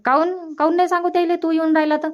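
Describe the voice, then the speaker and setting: Here a woman with a rural Vidarbha Marathi accent plays a fond, gently nagging older village mother in a cartoon comedy, colloquial and insistent. She talks fast in a very high voice with little pitch movement, sounding fond and agreeable.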